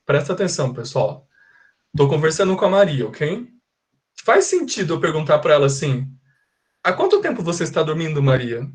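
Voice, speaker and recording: A patient Brazilian man explaining grammar, voice a touch high. He keeps checking that his class follows along. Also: big pitch swings, a little fast. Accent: Brazilian Portuguese. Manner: patient, repetitive, checks understanding often. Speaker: English teacher. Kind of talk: live online class explanation.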